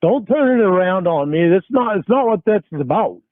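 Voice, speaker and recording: Over a tinny, dry phone line with no echo, a man with a high, animated voice argues angrily at normal speed. He swears a lot and pleads throughout the heated call.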